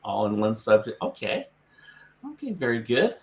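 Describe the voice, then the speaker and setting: A man's voice: on the low side, huge pitch swings, normal speed. A man from the United States, tutoring English in casual conversation practice. He repeats the student's answers back patiently and chuckles often.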